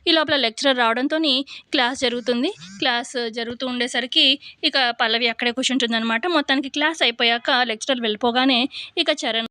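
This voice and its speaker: A woman's voice: a little high, quick pace, pushed and bright, dry recording. A woman chattily retelling a TV serial episode scene by scene, full of linking fillers.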